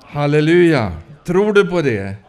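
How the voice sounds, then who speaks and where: A man preaching a sermon and giving his own testimony. He speaks haltingly, with many fillers and restarts, and breaks out in hallelujahs. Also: on the high side, very animated, a little mellow, faint music behind.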